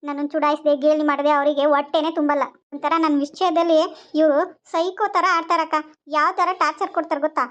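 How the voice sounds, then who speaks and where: An actress playing a sharp-tongued young second wife who talks in a sulky, complaining way. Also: female voice, sits high, flat delivery, fast, muffled recording, close to an everyday voice.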